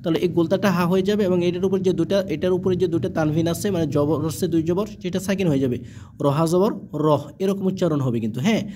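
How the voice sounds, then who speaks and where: A man teaching Quran reading, spelling each word letter by letter and then reciting it with long drawn-out vowels, with short explanations of the rules in between. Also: high-pitched, mellow, a little hiss or hum. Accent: Bangladeshi.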